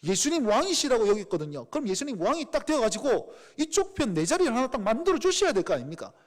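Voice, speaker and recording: A man's voice: extremely high pitch, big pitch swings, fast. A male pastor acting out an impulsive, indignant male fisherman disciple, blunt and exclamatory, in a sermon. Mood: aggrieved.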